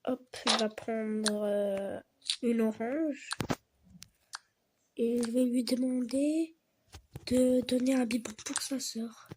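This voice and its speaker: Brief: woman player narrating a doll-house game, whispered asides, high voice, noisy recording. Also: fairly even intonation, takes it slowly, pauses often. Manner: often drops to whispered asides. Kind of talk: game role-play narration.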